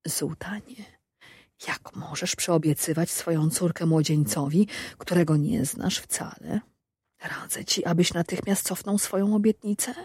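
A woman voicing a scheming male grand vizier who speaks in a hushed whisper. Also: fairly low pitch, unhurried, slightly rough, dry recording.

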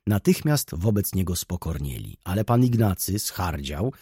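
A man narrating a classic novel as an audiobook in an expressive storytelling manner. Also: deep voice, normal speed, slightly rough, no room sound, clean studio sound. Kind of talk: scripted literary narration.

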